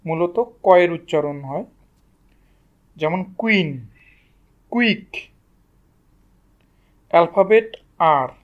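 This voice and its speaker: A man's voice: high-pitched, muffled recording. A man teaching English pronunciation to students, asking questions and answering them himself. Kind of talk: explaining lesson to students.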